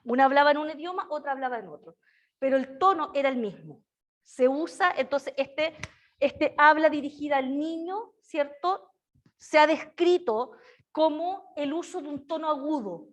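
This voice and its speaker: High-voiced woman lecturing. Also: moderate pace. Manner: checks in constantly with tag questions to the students; slips into a soft, sing-song baby-talk voice for examples. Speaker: university lecturer in early childhood education. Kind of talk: live classroom lecture.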